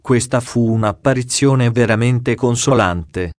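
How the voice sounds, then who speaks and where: A man reads a diary aloud in a slow, deliberate, solemn way. His voice sits at an ordinary middle pitch, and the recording is close and dry, with no room sound. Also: darkish tone, no echo. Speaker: audiobook reader.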